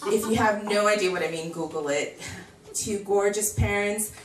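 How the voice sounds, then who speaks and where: A woman's voice: medium pitch, moderate pace, background noise. A woman in her thirties with an American accent, doing a chatty stand-up comedy set on a handheld mic in a small bar comedy club. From United States. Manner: chatty, animated, acts out voices in quotes. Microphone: handheld mic, filmed from far camera. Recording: echoey room from far off.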